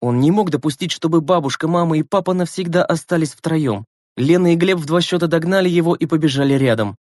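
A man narrating an audiobook story in a measured, expressive way. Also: fairly high pitch, no room sound, clean studio sound. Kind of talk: scripted narration.

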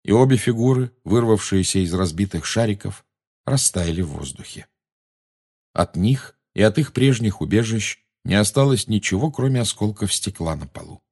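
A man reading a fantasy novel aloud in steady, measured dramatic audiobook narration. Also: lowish voice, breathy edge.

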